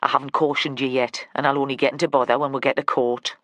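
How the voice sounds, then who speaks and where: A reader voicing a blunt middle-aged female detective, gruff and matter-of-fact, with dry humour. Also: extremely low pitch, level tone, fast, a bit bright, no echo, pitched below the performer's own voice. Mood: wry.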